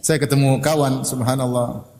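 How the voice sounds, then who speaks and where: A man preaching a sermon in a lively way, throwing questions at his listeners and reciting Arabic. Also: medium pitch, normal speed, a little hiss or hum. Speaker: Islamic preacher. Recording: echoey hall with long reverb.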